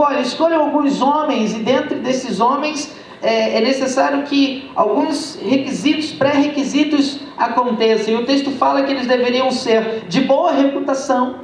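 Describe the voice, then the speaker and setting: A man's voice: very high voice, recorded from a distance, a little hiss or hum. A man with a Brazilian Portuguese accent preaching a sermon, telling a testimony and calling the congregation his brothers. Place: church sanctuary. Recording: echoey church, heard from afar.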